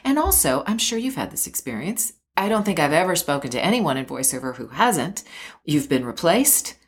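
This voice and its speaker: A woman hosting an interview, asking thoughtful, measured questions. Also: low voice, big pitch swings. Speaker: podcast host. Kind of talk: interview chat.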